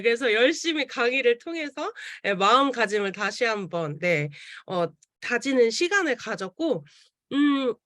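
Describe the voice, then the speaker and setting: Young woman telling her story, lively pitch. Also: no room sound, studio quality. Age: young adult. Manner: earnest storytelling that acts out quoted lines. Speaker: seminar speaker. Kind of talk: testimonial talk at an online seminar. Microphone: video call.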